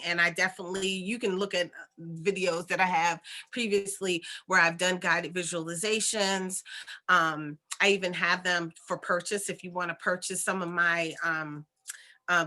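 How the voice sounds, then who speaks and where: A woman's voice: lowish voice, bright, forceful tone. A woman speaking casually and earnestly to viewers as a spiritual coach, rambling conversationally and often checking in with them. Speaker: spiritual coach and host of oracle readings.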